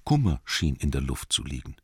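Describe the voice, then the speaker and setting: A man reading a storybook aloud in calm, measured narration. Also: extremely low pitch, slightly rough, dry recording, studio quality. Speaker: audiobook narrator. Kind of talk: scripted narration.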